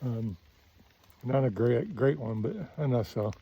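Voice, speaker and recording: A man's voice: medium pitch, unhurried, vocal fry, breathy edge, highs cut off. A man, casually narrating his hiking vlog outdoors on the trail, easygoing and plainspoken with frequent ums. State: out of breath. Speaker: hiking vlogger.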